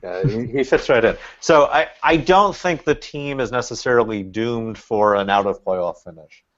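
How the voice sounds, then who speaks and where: A man's voice: medium pitch, moderate pace. Man, podcast guest, casual chat, rambling, lots of ums, muffled lo-fi sound. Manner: rambling, thinking aloud with many fillers. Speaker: guest, Red Bulls fan. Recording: dull lo-fi sound.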